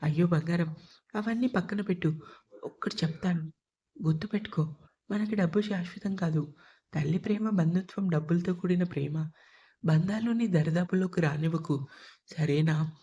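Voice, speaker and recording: A woman reading the part of a worried, tearful middle-aged mother in an audio storybook, with a soft, pleading delivery. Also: fairly low pitch, moderate pace, long pauses, husky, lo-fi sound. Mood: tender.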